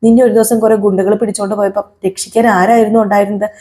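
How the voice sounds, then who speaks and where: A woman's voice: mid-range voice, little pitch movement, racing, warm tone, lightly acted. A woman voicing a distressed young woman who earnestly pleads for her sister. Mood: pleading.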